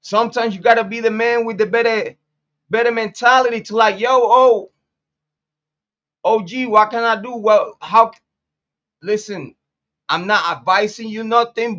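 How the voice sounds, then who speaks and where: A blunt, profane man in his late forties from Puerto Rico hosts a street commentary monologue. His voice sits high for a man, and he hammers points home by repeating them. The sound is dull and lo-fi. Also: a bit bright. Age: 40s. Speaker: commentary channel host.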